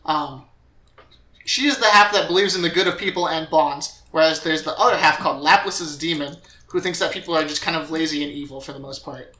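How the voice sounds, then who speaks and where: Young male podcast host, bright tense tone, rambling recap, echoey room. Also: a little high, a little fast. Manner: rambling recap with filler words and acted quotes.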